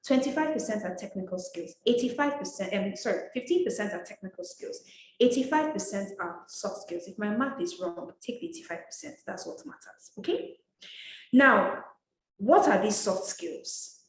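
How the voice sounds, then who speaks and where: A woman's voice: mid-range voice, lively intonation, normal speed. A woman from Nigeria teaching an etiquette masterclass, talking in a direct, emphatic and scolding way. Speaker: etiquette coach. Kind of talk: motivational masterclass talk. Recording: roomy echo.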